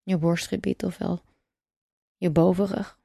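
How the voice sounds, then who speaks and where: A woman guiding a breathing meditation, speaking calmly and slowly in a soothing way with long pauses. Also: lowish voice, gravelly, no room sound, clean studio sound. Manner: calm, slow, soothing instruction with long pauses. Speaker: meditation guide. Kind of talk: guided breathing meditation narration.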